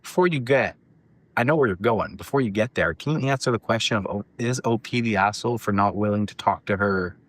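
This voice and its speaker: A man's voice: fairly low pitch, a little fast, a bit bright. Sarcastic man co-hosting a podcast. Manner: teasing, sarcastic jokes. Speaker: podcast co-host. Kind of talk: casual chat reading online stories.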